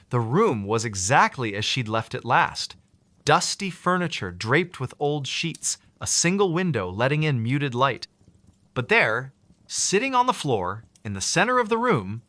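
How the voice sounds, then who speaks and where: A man's voice: mid-range voice, fairly bright tone, dry recording. A man narrating a scripted horror story with dramatic, suspenseful delivery.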